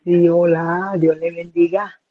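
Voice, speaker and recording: A woman from Rico, an orphanage director giving an earnest, halting personal testimony. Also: on the low side, flat delivery, no room sound, faint music behind. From Puerto Rico. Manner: earnest, halting, with fillers and restarts. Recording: tinny phone-like line with faint noise.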